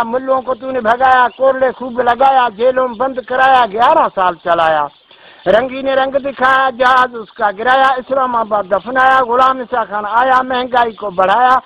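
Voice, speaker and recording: A police constable from Balochistan, Pakistan, reciting a long rhyming verse in a steady sing-song chant. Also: male voice, very high-pitched. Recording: dull lo-fi amateur recording.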